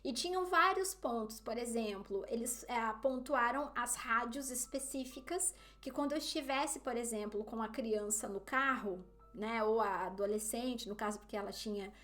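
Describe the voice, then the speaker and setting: Chatty Brazilian woman with a higher voice. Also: moderate pace, few pauses, a bit bright, faint music behind. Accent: Brazilian Portuguese. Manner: chatty, often addresses listeners as "gente". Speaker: vlogger. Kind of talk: casual storytelling to camera.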